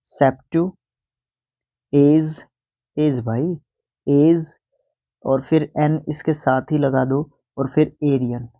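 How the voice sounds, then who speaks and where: A man's voice: fairly high pitch, fairly even intonation, extremely slow, long pauses, warm tone. A young man teaching a casual exam-prep lesson. He spells words out letter by letter and keeps checking in with his listeners. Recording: dull lo-fi.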